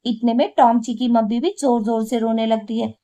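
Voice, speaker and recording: A woman's voice: on the high side, level tone, moderate pace, dark tone. A woman narrating a cartoon story in a plain, matter-of-fact way.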